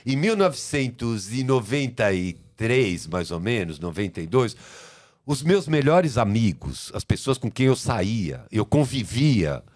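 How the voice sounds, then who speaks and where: A man, a podcast guest telling stories in a casual, animated and profane way. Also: measured pace. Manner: animated, profane, shifts into shrill quoted voices. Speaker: podcast guest, music producer. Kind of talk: casual storytelling.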